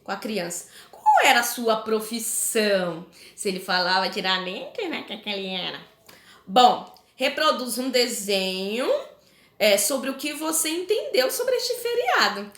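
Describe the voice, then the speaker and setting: Brazilian teacher lady explaining homework to parents, kinda high voice, chatty, lots of little tag questions, echoey room. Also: sing-song, unhurried, a bit bright. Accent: Brazilian Portuguese.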